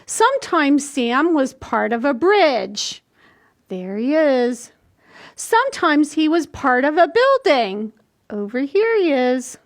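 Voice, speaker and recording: A woman in her sixties hosts a library storytime in a small indoor room, reading aloud and explaining things simply and deliberately for little children. Her voice is high with big pitch swings.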